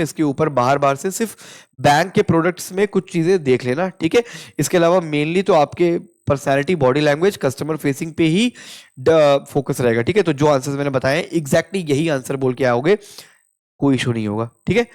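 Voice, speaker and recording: A young man with an Indian accent, tutoring in casual mixed Hindi and English, checking in often and reading model answers slowly. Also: on the high side. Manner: explains with frequent "theek hai" check-ins, reads model answers slowly. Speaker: interview prep tutor.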